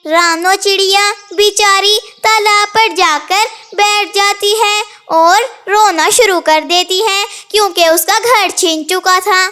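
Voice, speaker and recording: A woman narrating a children's cartoon story in a measured, sing-song way. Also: extremely high pitch, steady tone, bright, forceful tone.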